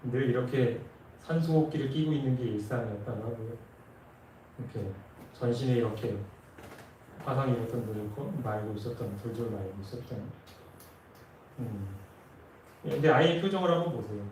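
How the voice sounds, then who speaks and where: A man delivers an earnest sermon story at a middle pitch. The sound is very echoey and picked up from some distance in a church, with faint ambience behind. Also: normal speed, pauses often, darkish tone, a little hiss or hum. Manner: earnest storytelling, rising with emotion at key moments. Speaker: preacher. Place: church sanctuary.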